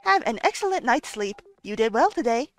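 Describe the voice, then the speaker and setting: A woman voicing a polite, prim male robot butler from a game, giving formal, measured instructions. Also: a little high, very animated, soft background music. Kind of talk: reading game dialogue aloud.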